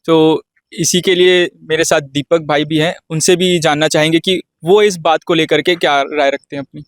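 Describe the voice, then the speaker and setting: A man's voice: fairly high pitch, steady tone, normal speed, no room sound. Hindi man hosting a panel. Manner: moderating, brief acknowledgments. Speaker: host. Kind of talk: studio panel discussion.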